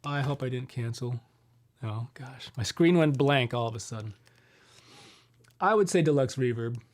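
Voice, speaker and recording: A man's voice: medium pitch, normal speed. A middle-aged man hosting a live guitar Q&A stream from his home studio, chatting loosely through viewer questions with fillers and detours. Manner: relaxed, rambling, answers viewer questions with fillers. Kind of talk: casual live-stream chat.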